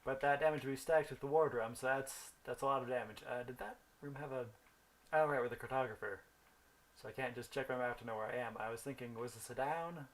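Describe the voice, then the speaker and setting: Man, young adult, casual gameplay commentary, rambling, thinks aloud, mid-pitched voice. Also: fairly quick. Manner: rambling storytelling while thinking aloud about the game. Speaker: gaming video host.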